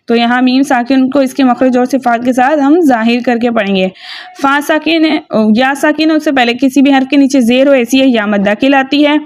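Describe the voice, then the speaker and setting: High-voiced woman teaching tajweed rules. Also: a little mellow, no room sound. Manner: patient, explains rules then spells out syllables slowly. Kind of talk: step-by-step recitation lesson. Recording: slightly dull lo-fi recording.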